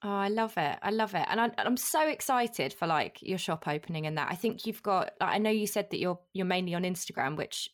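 A woman's voice: on the low side, animated, brisk, hardly any pauses, no room sound, clean studio sound. A woman hosting a podcast interview in an effusive, encouraging, conversational way. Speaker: podcast host.

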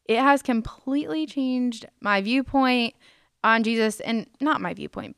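A woman's voice: mid-range voice, a bit bright, clean tone, dry recording, clean studio sound. A woman as a podcast guest, chatting casually in an earnest, informal way.

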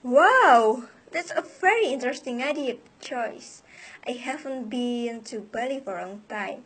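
A young woman with an Indonesian accent playing an agreeable, excitable friend in a recited English dialogue. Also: on the high side, normal speed, slight background noise, lightly acted. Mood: excited. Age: young adult.

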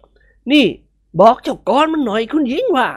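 Woman doing a gruff scolding old nobleman. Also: sits high, lively intonation, normal speed, voice pushed up. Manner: stern, barking orders.

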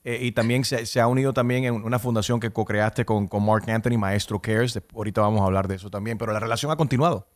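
A man hosting a conversational interview, asking quick follow-up questions and recapping what the guest says. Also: lowish voice, steady tone. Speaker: interview host.

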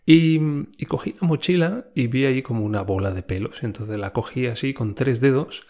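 A man talks to his listeners in a casual podcast monologue. He is chatty and laughs often, and he swears freely as he talks. His voice sits at an ordinary male pitch. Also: normal speed, a little mellow. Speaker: podcast host.

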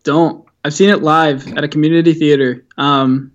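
A man's voice: a little high, fairly even intonation, moderate pace, lo-fi sound. A man guesting on a movie podcast in casual chat, laughing often, with many ums and restarts.

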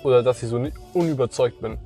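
A young man telling a story in casual chat, slangy and animated, acting out the people in it. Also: mid-range voice, fast, soft background music.

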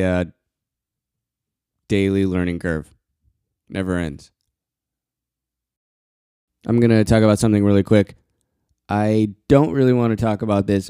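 A quiet man hosts his own podcast in a low, even, mellow voice. He talks in short halting bursts and stops often to catch a breath. His smooth tone sits close to the mic in a dry room. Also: dry recording. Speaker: podcast host. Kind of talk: casual solo podcast talk.

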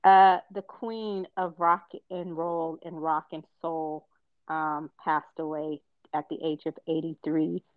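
A man co-hosting a casual pop culture podcast, chatty and animated, joking about his game show voice. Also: a little high, takes it slowly, clean tone, no room sound, phone-quality sound. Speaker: podcast co-host.

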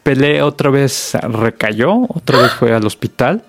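A man's voice: mid-range voice, lively intonation, a little slow, no room sound. A Mexican man hosting a casual news roundup, chatty and full of fillers. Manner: chatty, many fillers and restarts. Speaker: host.

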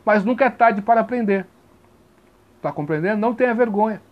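A man teaching grammar in an informal lesson, chatty and given to checking that listeners follow, spelling sounds out slowly. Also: sits high, lo-fi sound. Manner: chatty, repeats 'tá compreendendo?' often; spells out sounds slowly, stressing each vowel.

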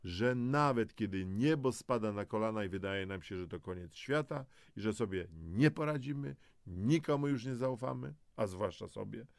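With a lowish, creaky, animated voice, a man speaks at a moderate pace with hardly any pauses in a studio-quality recording free of room sound. He presents a self-help audio guide in motivational scripted narration, encouraging the listener and addressing them directly.

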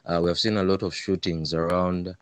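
A man with a Ugandan East African accent answering interview questions in a measured, hesitant way, often repeating words. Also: deep voice, little pitch movement, clean tone, dry recording. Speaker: interview guest, human rights lawyer.

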